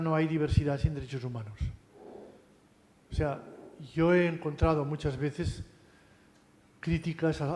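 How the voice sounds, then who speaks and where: A man's voice: a little high, mellow, a little hiss or hum. Lecturing man in a reverberant hall. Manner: conversational, tag questions, frequent restarts. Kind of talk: university lecture.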